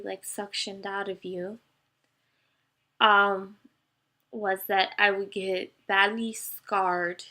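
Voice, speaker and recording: A young woman vlogger telling a painful personal story to camera, halting with many fillers and emotional at times. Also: medium pitch, sharp tone.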